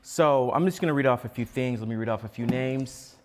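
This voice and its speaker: A man's voice: mid-range voice, a little fast, a little hiss or hum. A man doing a casual sound check before a live stream, repeating test counts and talking to his crew.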